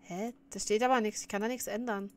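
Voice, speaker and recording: A woman's voice: mid-range voice, fairly even intonation, brisk. A woman streamer chatting casually while reacting to a clip, often laughing and scolding her viewers.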